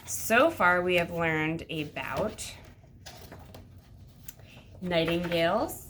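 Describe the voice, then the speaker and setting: A woman's voice: fairly low pitch, lively intonation, drawn-out words, fairly bright tone, slight background noise. A woman teacher talking like a kids show host to young children, with simple sing-song instructions and counting aloud.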